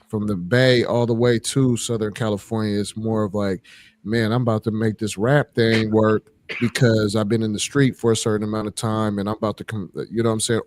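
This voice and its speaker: A man with a fairly low voice talks through his opinion in a loose, casual way, pausing and hedging as he goes. He sounds like a regular podcast chat. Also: a little mellow. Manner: thoughtful, hedging opinions with fillers. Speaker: co-host.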